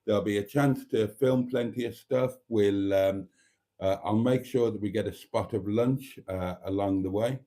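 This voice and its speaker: A British vlogger in his fifties chats casually on a live stream, rambling with frequent ums, poking fun at himself and calling his viewers darlings. His voice is lowish and mellow, and he talks at a normal speed.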